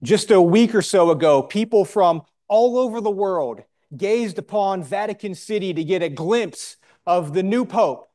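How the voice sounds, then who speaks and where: A man's voice: high voice, lively intonation, measured pace, few pauses, darkish tone. Guy preaching a sermon line by line for an interpreter, emphatic, asks questions at the crowd.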